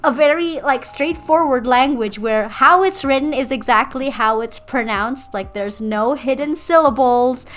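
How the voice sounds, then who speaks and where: A woman's voice: high-pitched, unhurried, few pauses, a bit bright. Chatty young woman narrating. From Indonesia. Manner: chatty, self-deprecating asides. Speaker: artist and video creator. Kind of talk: casual voice-over narration while drawing.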